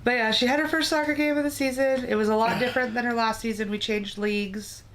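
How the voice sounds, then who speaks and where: A woman's voice: on the high side, fairly even intonation, fast talker, a bit bright, a little hiss or hum. A woman, tired and yawning, chatting dryly and teasingly with her co-host. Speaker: livestream co-host. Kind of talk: casual chat.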